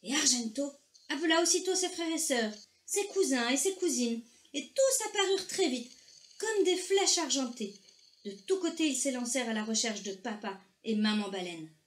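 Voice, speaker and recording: A woman reading a children's story aloud, slow, gentle and expressive. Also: high voice. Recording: echoey room, faint noise.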